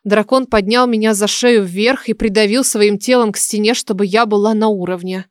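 A woman reads a first-person fantasy audiobook with lively, expressive storytelling. Her voice sits at a middle pitch and sounds dry and close, with no room echo. She carries the tale with feeling from line to line. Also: normal speed. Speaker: audiobook narrator.

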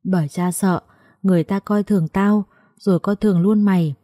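A woman voicing a poor, gentle old father who speaks tenderly in a husky, tearful voice. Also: medium pitch, steady tone, moderate pace, dry recording, natural voice.

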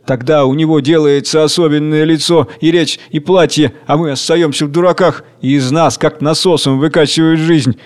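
A man plays a red-faced old man who rants with bitter spite, his voice raised high and hot. The rant builds into loud, hateful outbursts in a read-aloud drama. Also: fairly even intonation, normal speed, few pauses, lightly acted. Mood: spiteful. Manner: ranting, spiteful.

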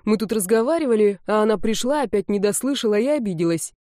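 A woman's voice: medium pitch, lively intonation, fast talker, dark tone, no echo, clean studio sound, close to an everyday voice. A woman voicing a grumbling young man. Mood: exasperated. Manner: pained, grumbling. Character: dizzy, exasperated young man.

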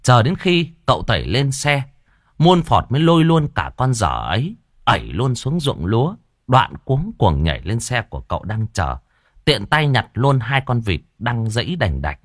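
A man's voice: mid-range voice, moderate pace, dry recording, studio quality. A man telling a comic ghost story vividly. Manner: lively, vivid narration.

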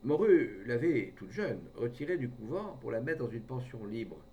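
A man reading a short story aloud in a measured way, recorded from a distance with a faint rumble behind. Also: very animated, mellow. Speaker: audiobook reader.

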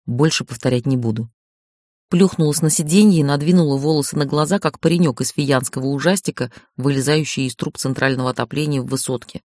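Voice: mid-range voice, steady tone, fast, few pauses, darkish tone, no room sound, clean studio sound. An audiobook narrator reading a first-person novel in a wry, emotional inner-monologue manner.

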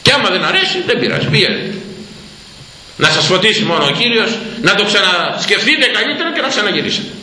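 A man's voice: high voice, big pitch swings, bright, forceful tone, echoey room, poor audio. An older man preaching a stern, emphatic sermon as a priest, voice rising sharply to make his points. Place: church.

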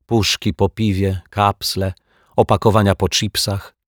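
A man's voice: lowish voice, level tone, a little slow, no echo, studio quality. A man reading a children's story, voicing a fussy older woman neighbour who complains. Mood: grumbling.

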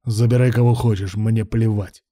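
A man's voice: on the low side, fairly even intonation, moderate pace, dark tone, no echo, clean studio sound, close to an everyday voice. A man voicing a harsh, vengeful male clinic boss who barks curt orders, in an audiobook reading. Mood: harsh, dismissive. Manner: barking, curt.

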